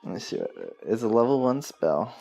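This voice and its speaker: A man's voice: medium pitch, sing-song, a little fast, darkish tone. A man chatting casually as a player in a tabletop game. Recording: clearly noisy home recording.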